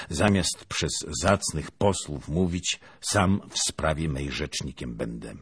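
A man voicing a calm, proud young nobleman who speaks formally and firmly. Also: deep voice, breathy edge, no echo, clean studio sound, exaggerated voice. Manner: firm, formal, commanding.

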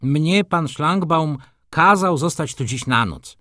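A man's voice: on the high side, expressive, takes it slowly, sharp tone, no room sound, clean studio sound, pitched above the performer's own voice, exaggerated voice. A man doing a timid, apologetic shop clerk. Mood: pleading. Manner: apologetic, pleading. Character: humble nervous male shop clerk, apologetic.

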